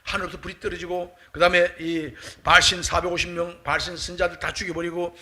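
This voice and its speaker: A middle-aged male pastor preaching a morning prayer sermon, animated and acting out quoted voices. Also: high voice, fairly quick.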